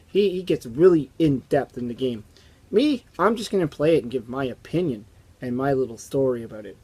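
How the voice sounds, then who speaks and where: A man with a hoarse, raspy voice hosts a casual gaming video. His voice sounds strained and sits at a middling pitch. He rambles along conversationally, as if telling stories to friends. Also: expressive, fairly quick, mellow. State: hoarse from strained vocal cords. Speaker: host of a retro video game channel. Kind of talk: casual chat to camera. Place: indoors, small basement game room.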